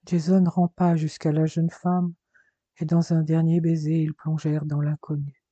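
A man narrating a dramatic story in an expressive reading style. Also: on the high side, normal speed, no room sound, lo-fi sound. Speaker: audiobook narrator. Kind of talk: scripted narration.

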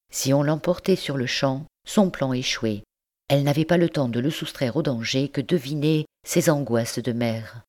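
A woman's voice: very deep voice, a little mellow. Woman reading a novel aloud. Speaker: audiobook reader. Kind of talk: scripted narration of a novel.

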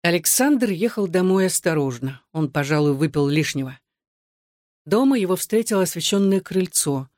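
An audiobook narrator reading a novel in a steady, even storytelling manner. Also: mid-range voice, moderate pace, dry recording, clean studio sound. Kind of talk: scripted narration.

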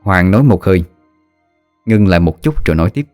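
A male storyteller reads in a low, measured voice, steady and plain. Faint music plays behind him. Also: smooth. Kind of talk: audiobook narration.

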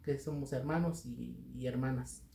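Hesitant middle-aged Mexican man, mellow voice. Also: mid-range voice, steady tone, moderate pace, gravelly. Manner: hesitant, with many fillers and restarts. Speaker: guest artisan. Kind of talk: interview answers. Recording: roomy echo.

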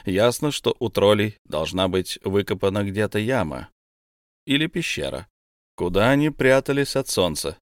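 A man voicing a calm, commanding old male wizard who gives orders in a brisk, matter-of-fact way. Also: fairly low pitch, dry recording, studio quality, natural voice.

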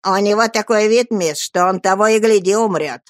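A woman's voice: medium pitch, normal speed, dry recording, close to an everyday voice. A timid, modest young manservant from a storybook, voiced by a woman reading aloud. He calls out eagerly, with a close, dry sound. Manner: shouting out, eager.

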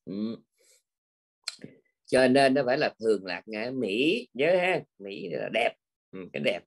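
Older guy giving a buddhist talk, husky voice, chatty, keeps asking "remember?". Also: medium pitch, expressive, unhurried. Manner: conversational, with frequent tag words. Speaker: Buddhist teacher. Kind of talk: dharma talk.

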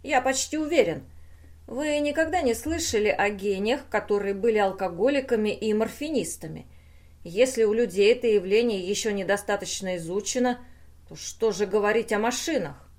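A woman's voice: medium pitch, normal speed, darkish tone, lightly acted. A woman voicing a male journalist who argues urgently and persuasively. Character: nervous, reasoning male journalist.

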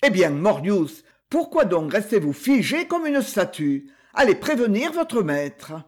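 A man voicing a haughty adult nobleman in an audiobook, curt and commanding, in a high voice. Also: big pitch swings, unhurried, full character voice. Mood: imperious.

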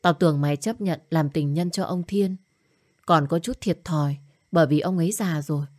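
A woman voicing a young woman who is the blunt, worried best friend, talking fast and scolding. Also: low-pitched, a little mellow, lightly acted.

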